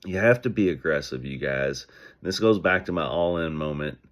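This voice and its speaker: Deep-voiced man giving pep talk. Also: normal speed. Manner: energetic, conversational storyteller. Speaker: business owner sharing advice. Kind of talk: casual motivational talk.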